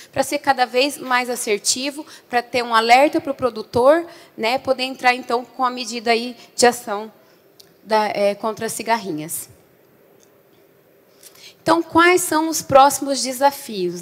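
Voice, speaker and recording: Brazilian woman presenting in an echoey hall. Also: on the high side. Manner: explanatory, often adding checking tags. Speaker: conference presenter on agricultural research. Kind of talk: presentation to an audience. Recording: echoey hall with long reverb.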